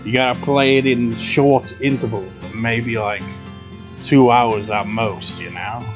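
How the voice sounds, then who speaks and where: A man's voice: medium pitch, fairly even intonation, slow. A man giving casual, rambling video game commentary in a wry, unenthusiastic manner. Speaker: gameplay video host. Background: game music.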